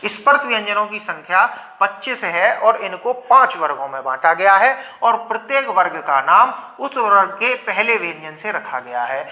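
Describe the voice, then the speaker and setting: Young male grammar teacher, high and bright, explains step by step with his own question-and-answer patter. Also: animated. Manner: asks questions and answers them himself, sounds out letters slowly. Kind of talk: classroom lecture.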